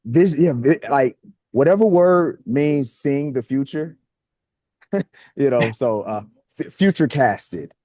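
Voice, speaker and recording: A man who leads a team, talking in a casual, coach-like pep talk, energetic and quick to laugh. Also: medium pitch, dry recording. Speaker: team leader and trainer.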